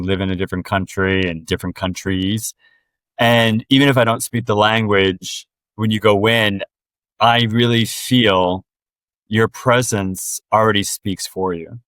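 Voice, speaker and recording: A man with a lowish voice appears as a podcast guest, sharing reflections earnestly and directly in relaxed conversation, speeding up when he presses a point. The recording is dry.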